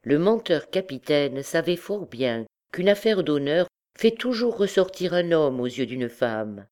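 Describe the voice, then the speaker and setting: A woman narrating a classic novel for an audiobook in a measured storytelling way. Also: sits low, big pitch swings, darkish tone. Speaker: audiobook reader. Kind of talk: scripted narration.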